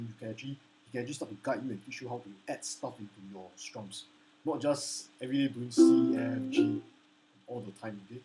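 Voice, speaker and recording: Over ukulele playing, a man with a dark-toned, low baritone voice teaches a casual lesson mixing talk and sung demos. He's earnest and apologetic, hesitating, restarting frequently, and asking "okay?" along the way, all in a rough recording.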